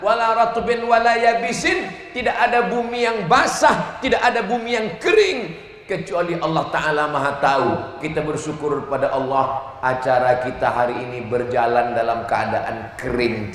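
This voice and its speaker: A man's voice: a little high, normal speed, a bit bright. A man preaching to a large crowd at an outdoor gathering, asking the audience questions, chanting Arabic phrases and joking between points. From Indonesia. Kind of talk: lively sermon to a crowd. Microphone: loud sound system. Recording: very echoey, reverberant, slight noise.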